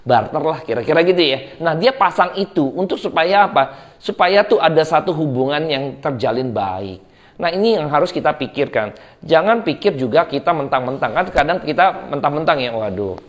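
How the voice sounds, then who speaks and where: Lively, high-voiced male preacher. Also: highs cut off. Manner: lively, chatty, jokes and laughs with the congregation; slips into colloquial Jakarta slang. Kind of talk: sermon.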